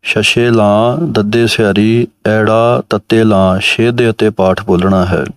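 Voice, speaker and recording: Low steady guy, slow and even, chants a line then breaks it down, real clean voice, dry room. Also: clear, resonant tone, no echo. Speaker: Gurbani pronunciation teacher. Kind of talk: recitation lesson.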